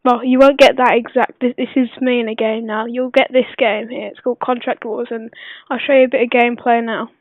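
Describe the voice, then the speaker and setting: A woman who is unwell gives a casual gameplay tutorial voice-over, speaking quietly but clearly in a hesitant, rambling way. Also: a little high, little pitch movement, brisk, no echo. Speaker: gaming video maker. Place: voice-over recorded at a computer. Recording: dull lo-fi computer recording, dry.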